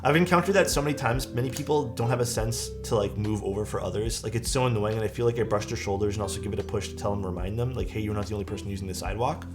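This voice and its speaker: A man's voice: fairly low pitch, rapid-fire, hardly any pauses, over music. Rambling man in his thirties venting. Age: 30s. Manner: rambling, venting, frequent fillers and swearing. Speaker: keyboard-building streamer. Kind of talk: casual livestream chat reading viewer comments.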